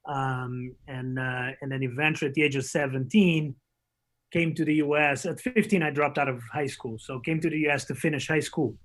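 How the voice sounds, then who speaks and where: A man from Portugal, a soccer coach, answering interview questions thoughtfully with many pauses and fillers over a remote link. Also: a little high, steady tone, poor audio. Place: remote call.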